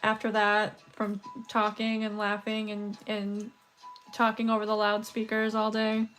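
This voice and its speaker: Woman, 30s, livestream host; relaxed slow chatter, weak scratchy voice, faint music in the background. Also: medium pitch. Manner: chatty, rambling, laughs often. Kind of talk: casual chat while beading.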